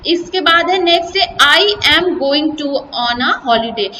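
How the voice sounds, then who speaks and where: A woman's voice: sits high, lively intonation, takes it slowly, bright, forceful tone, big-room sound, distant mic, a little hiss or hum, poor audio. An Indian woman teacher with an Indian accent, explaining a children's English exercise step by step and spelling out words. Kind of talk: recorded video lesson in Hindi and English.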